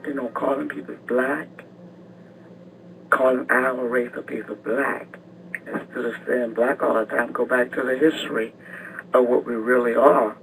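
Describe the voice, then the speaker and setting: A man calling into a talk radio show over a phone line, rambling and halting with many restarts. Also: mid-range voice, steady tone, creaky, a bit bright. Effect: call-in voice heard over the phone line on air. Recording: distant phone-in line with faint hiss.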